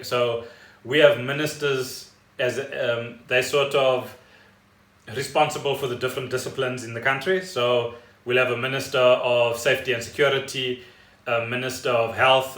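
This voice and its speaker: In an echoey home recording with lots of room sound, a South African man co-hosting a casual podcast explains news wryly and conversationally. His voice sits in the mid range and is a little bright.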